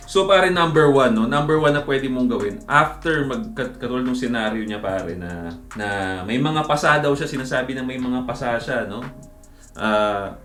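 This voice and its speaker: A man's voice: medium pitch, a bit bright. A man talking casually as a dating-advice vlogger, chatty and mixing English into his speech, often ending lines with tag questions and calling the listener buddy. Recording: roomy echo with faint background music.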